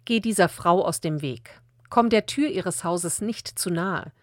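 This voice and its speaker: A woman reading Bible passages aloud in a calm, measured way for a daily audiobook podcast. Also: fairly low pitch, no echo, clean studio sound. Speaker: Bible reader.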